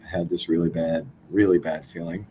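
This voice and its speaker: A man's voice: sits low, steady tone, brisk, mellow, slight background noise, poor audio. A man in his forties, a podcast guest, telling a personal story in a blunt, casual way, swearing freely.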